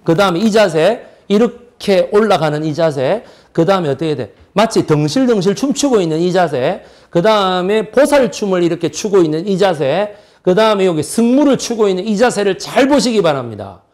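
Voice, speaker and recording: A middle-aged man lectures on history, tossing out rhetorical questions and then answering them himself. His voice sits high and swings up and down with a lot of energy. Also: normal speed, few pauses. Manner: lively, asks and answers his own questions.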